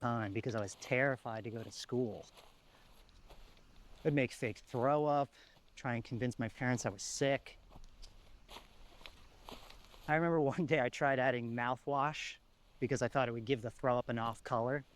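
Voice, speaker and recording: A man with a medium-pitched, natural voice speaks at a normal pace as a haunted lone survivor of the apocalypse. In this plain-spoken found-footage horror monologue he confides in a reflective, wistful mood, with slight background noise behind him.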